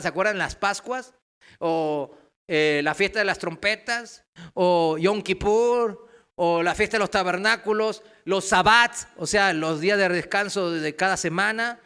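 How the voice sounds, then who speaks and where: A male pastor preaching a sermon with speech, swinging between loud emphatic passages and quiet asides. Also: sits high, clear, resonant tone.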